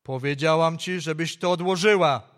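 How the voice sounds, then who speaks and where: A stern, hard-pressed young mother who scolds and threatens with a sharp tongue, as a man telling the story puts her on. Her voice stays high and clipped. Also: normal speed, natural voice. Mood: scolding.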